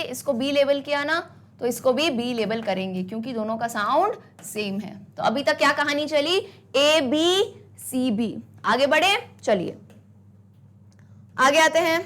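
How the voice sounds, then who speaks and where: A woman teacher, encouraging her students with rhetorical questions and mixing English phrases into the lesson. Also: high-pitched. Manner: mixes English into talk; reads poem lines slowly and deliberately. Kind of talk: online class lesson.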